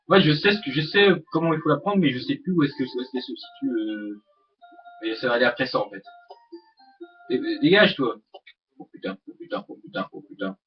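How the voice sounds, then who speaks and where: A young man hosting a let's play, rambling with many hesitations and swearing at the game. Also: medium pitch. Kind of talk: casual gameplay commentary. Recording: dull lo-fi mic with game music.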